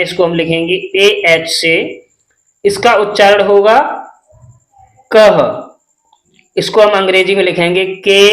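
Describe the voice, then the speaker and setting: A man teaching English spelling step by step, spelling letters out one by one and asking the class quick questions. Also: high-pitched, fairly bright tone, echoey room, poor audio.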